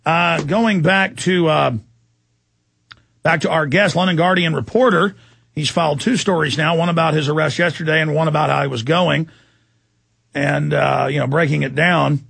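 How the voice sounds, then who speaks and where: A male radio host interviewing a caller by phone, talking in a forceful, ranting way. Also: fairly high pitch, steady tone, normal speed, creaky, breathy edge.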